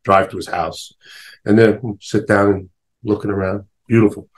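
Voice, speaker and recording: A man's voice: on the low side, fairly even intonation, moderate pace. A man in his sixties from the New York area, a podcast guest telling stories in a chatty way with lots of "you know". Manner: chatty storyteller, frequent "you know" fillers. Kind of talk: casual interview storytelling.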